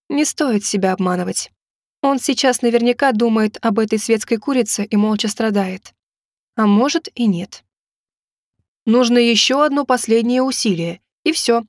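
Woman narrator, young adult, wry and ironic, first-person audiobook, higher voice, dry close sound. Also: no room sound.

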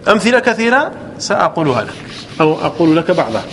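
A man teaching an Arabic grammar class, slowly drawing out example words and often checking that the students follow. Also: a little high, sing-song, a bit bright. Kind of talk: classroom lesson. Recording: echoey hall with faint ambient noise.

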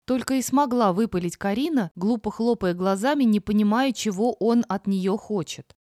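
A woman narrating a novel in an expressive, dramatic reading. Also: medium pitch, moderate pace, no echo, studio quality. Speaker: audiobook narrator. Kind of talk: scripted audiobook narration.

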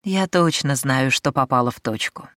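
A woman's voice: very deep voice, normal speed, fairly bright tone, dry recording, clean studio sound, voice pushed down. A woman voicing a capricious young noblewoman in an audiobook, with a demanding, sarcastic manner. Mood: smug.

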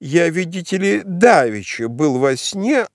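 A man's voice: on the high side, very animated, unhurried, dry recording, clean studio sound, voice pushed up. A man reading an audiobook, voicing a muddled elderly prince who talks in a hesitant, vague, confused way. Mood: bewildered.

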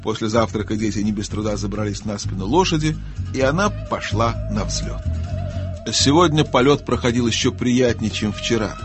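A man narrating an audiobook in a calm, expressive storytelling manner. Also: fairly low pitch, moderate pace, music in the background. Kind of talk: scripted narration.

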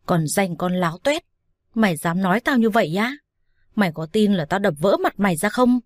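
A woman's voice: medium pitch, animated, moderate pace, no echo, clean studio sound, natural voice. A woman voicing a quarrelsome older mother-in-law who scolds and whines. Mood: scolding. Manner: scolding, whining.

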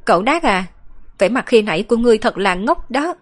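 A woman's voice: fairly high pitch, animated, fairly quick, voice pushed up. Woman voicing a teasing young girl. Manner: playful, chattering.

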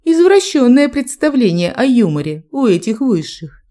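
A woman's voice: mid-range voice, unhurried, mellow, natural voice. A woman voicing an ironic, easily irritated young heroine in an audiobook.

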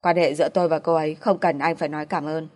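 A woman voicing a gentle, patient young man who speaks softly and coaxingly. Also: sits low, level tone, quick pace, natural voice. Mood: wistful.

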